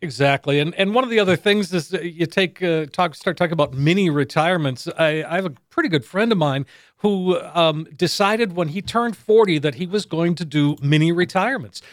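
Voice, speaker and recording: A man's voice: fairly high pitch, brisk, no room sound, studio quality. A man hosting a call-in radio show about retirement money, easygoing and agreeable, reading out the phone number.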